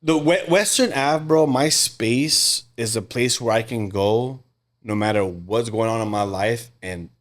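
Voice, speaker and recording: A tattoo artist in his thirties chats casually as a guest on a podcast, his mid-range voice unhurried. He keeps things laid-back and slangy, saying "bro" a lot.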